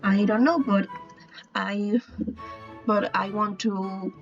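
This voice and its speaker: A native Spanish speaker with a Spanish accent explains a drawing style in a casual tutorial, her mid-range voice slow and fairly even. She hesitates, restarts often, and keeps apologizing. The sound is dull and lo-fi, with faint music.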